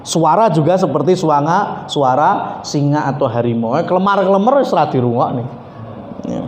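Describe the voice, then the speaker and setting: A male preacher with a Javanese accent giving an animated, joking religious study lecture, slipping into Javanese and Arabic recitation. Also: fairly high pitch, moderate pace. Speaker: Islamic preacher. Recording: echoey hall, faint background noise.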